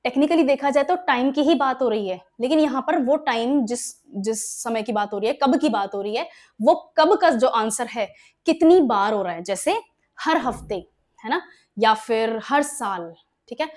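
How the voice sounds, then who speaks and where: A woman's voice: on the high side, animated, normal speed, darkish tone. A young Indian woman with an Indian English accent, teaching English grammar in Hindi with English examples and often asking her students if they follow. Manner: explains in Hindi mixed with English examples, asks frequent check questions. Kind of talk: exam-prep grammar lesson.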